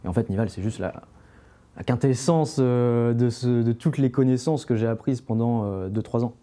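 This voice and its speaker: Dark-voiced young man, rambling. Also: mid-range voice, normal speed. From France. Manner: rambling, many "euh" fillers and restarts. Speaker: interview guest, climbing brand founder. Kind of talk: casual podcast conversation.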